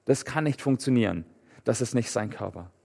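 A man gives a sermon in an earnest, conversational manner, his middle-pitched voice keeping to a steady everyday register. He speaks in a church hall, where a long reverb trails after each phrase. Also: brisk, vocal fry, breathy edge. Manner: earnest, conversational preaching with fillers and restarts. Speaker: pastor.

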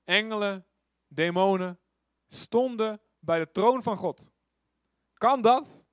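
Chatty preacher with a higher voice. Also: male voice, takes it slowly, no echo. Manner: informal, asks rhetorical questions; animated storytelling with acted quotes. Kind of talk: conversational sermon.

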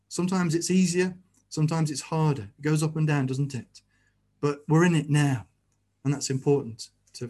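Pastor, man with a fairly high voice, earnest sermon delivery, keeps asking the congregation tag questions. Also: a little mellow.

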